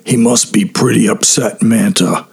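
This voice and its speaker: A man voicing a blunt, gruff teen camper. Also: on the low side, a little slow, exaggerated voice. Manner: blunt, laid-back slang.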